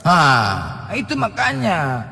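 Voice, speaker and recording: Animated man with a lively voice. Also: high-pitched, slow pace, creaky, long reverb tail. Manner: animated, teasing, full of rhetorical questions. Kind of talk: casual religious talk.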